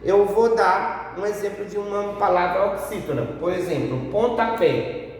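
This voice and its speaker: A man's voice: high-pitched, distant mic, a little hiss or hum. A male teacher with a Brazilian accent giving a grammar review lesson, stretching out the syllables of example words and answering a pupil's question himself. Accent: Brazilian Portuguese. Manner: slow, drawn-out syllables for examples. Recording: echoey room, voice from off-mic.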